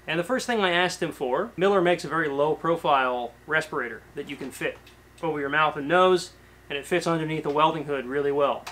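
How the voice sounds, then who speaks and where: Man in his 30s, casual workshop vlogger, slightly high voice, loose and chatty, garage. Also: fairly quick. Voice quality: relaxed, chatty, with frequent fillers and restarts. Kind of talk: casual show-and-tell to camera. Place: cluttered garage workshop, indoors.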